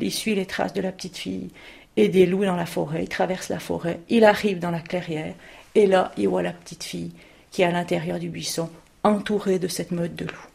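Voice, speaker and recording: Brief: female oral storyteller, expressive fairy-tale telling, gravelly voice, questions to the listeners. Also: fairly low pitch.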